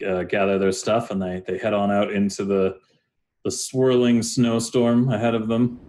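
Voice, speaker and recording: A man's voice: lowish voice, a little mellow. A young man narrating a tabletop game as game master, rambling with many fillers. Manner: rambling, lots of uh and like.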